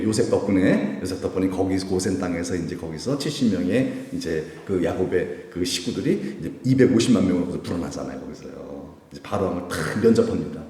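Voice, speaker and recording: A man's voice: deep voice, expressive, normal speed, warm tone. A man preaching at a church prayer meeting, asking the congregation questions, answering them himself and laughing often. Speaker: pastor. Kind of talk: sermon at a Friday prayer meeting. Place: church sanctuary. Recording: echoey church hall with long reverb.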